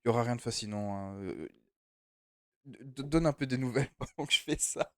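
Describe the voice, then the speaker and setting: A man's voice: mid-range voice, a little fast, darkish tone, no room sound, clean studio sound. A young man streaming a game from home, chatting loosely and rambling as he answers his chat. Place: home room.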